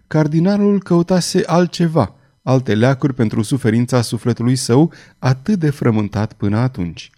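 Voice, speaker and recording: A man narrating a novel as an audiobook in a steady, measured storytelling voice. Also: mid-range voice.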